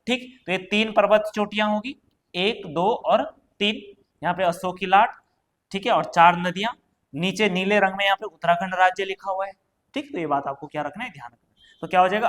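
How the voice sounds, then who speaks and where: A high-voiced man teaching an exam-prep class. He keeps asking the class questions and answering them himself, peppering his lesson with little checks like "right?". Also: fairly bright tone. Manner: questions then answers himself, frequent "ठीक है" and "है ना". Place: coaching classroom or studio.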